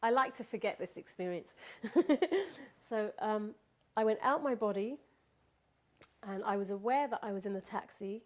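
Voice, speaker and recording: A woman's voice: medium pitch, normal speed. A woman recounting a personal experience in casual spoken storytelling, laughing often and restarting her sentences.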